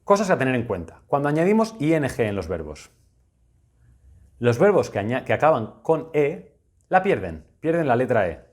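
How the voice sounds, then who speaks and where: A man's voice: mid-range voice, big pitch swings, moderate pace, a little mellow. Patient Spanish man teaching English grammar. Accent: Spain Spanish. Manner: patient, explanatory, repeats key points. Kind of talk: recorded video lesson.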